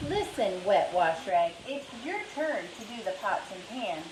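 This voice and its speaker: A woman's voice: medium pitch, sing-song, measured pace, reverberant, noisy background. Woman doing a mocking older boy.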